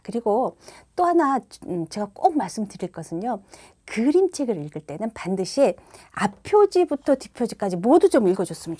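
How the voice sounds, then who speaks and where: Animated woman coaching parents on reading. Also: medium pitch. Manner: warm explanatory, acts out read-aloud lines. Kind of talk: instructional talk to parents.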